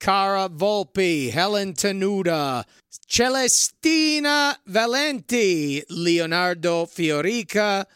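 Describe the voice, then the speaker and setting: A male podcast co-host reading out a long list of thanks. His voice is smooth and high, with a dry, close sound. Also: animated, takes it slowly, a bit bright, dry recording. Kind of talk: casual chat and credits read.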